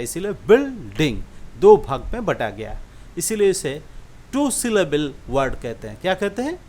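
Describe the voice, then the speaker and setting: A man teaching an English lesson, sounding out example words slowly and often asking the listener if it is clear. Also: a little high, a little mellow. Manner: repeats example words slowly, checks understanding with questions. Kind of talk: classroom-style lesson explaining syllables.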